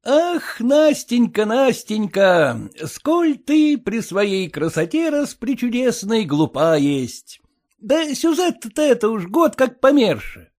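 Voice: medium pitch, big pitch swings, takes it slowly, a little mellow. A reader voicing a newly married husband who coaxes and nags his wife in folksy, old-fashioned speech. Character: newly married merchant husband, pushy and coarse.

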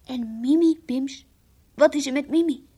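A woman's voice: high-pitched, a little slow, warm tone. A woman voicing a young boy who owns the toys, asking hesitant, probing questions in an old radio play. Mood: questioning. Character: young boy, the toys' owner, gently questioning. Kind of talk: 1960s radio drama acting.

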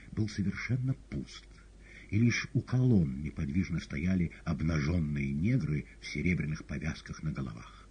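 A man narrating a novel as an audiobook in an expressive, dramatic reading. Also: extremely low pitch, breathy edge, highs cut off. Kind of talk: scripted literary narration.

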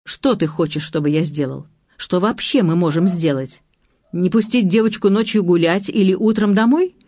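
A woman's voice: lowish voice, normal speed, warm tone, no echo, natural voice. A woman reading the part of a weary middle-aged husband and father who sounds helpless and resigned, in a dull, lo-fi audiobook recording. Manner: tired, resigned, reasoning.

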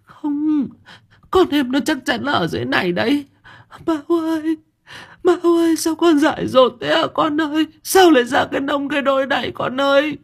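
A woman's voice: sits high, lively intonation, moderate pace, creaky. A woman voicing a frantic village mother who is desperately crying out for her lost daughter in an audiobook. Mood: pleading. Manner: wailing, crying out in despair. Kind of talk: audiobook drama reading.

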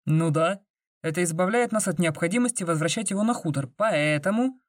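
A woman's voice: fairly low pitch, expressive, fairly quick, no echo, clean studio sound. A woman voicing an easygoing young man who grumbles offhandedly. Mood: grumbling.

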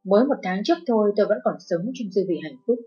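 A woman narrating a dramatic first-person story in a steady, emotive storytelling voice. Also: medium pitch, fast, slightly rough. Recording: dull lo-fi with faint music.

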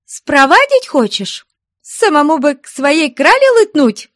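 A woman's voice: sits high, sing-song, unhurried, no echo, studio quality, pitched above the performer's own voice. A woman voicing a jealous, hysterical young peasant woman who shrieks, sobs and accuses. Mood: suspicious.

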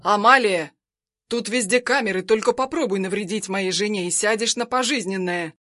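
A woman voicing a desperate husband who pleads with an armed woman and shouts urgent threats to save his wife. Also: medium pitch, moderate pace, dry recording, studio quality, natural voice. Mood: urgent, pleading.

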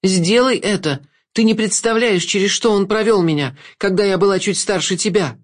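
A man voicing an embittered young woman who demands revenge in an audiobook, in a high, pleading and urgent voice. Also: moderate pace, lightly acted. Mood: urgent, bitter.

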